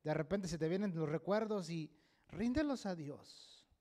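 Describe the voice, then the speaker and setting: A man's voice: a little high, lively intonation, unhurried, warm tone. A man preaching a sermon at a church service, emphatic and often checking in with a questioning "right?". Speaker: pastor.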